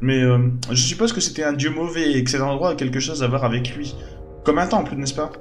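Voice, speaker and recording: A man's voice: medium pitch, fairly quick, soft background music, pitched above the performer's own voice, close to an everyday voice. A man voicing a plain-spoken young woman adventurer who questions things indignantly in a video game. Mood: puzzled, pressing.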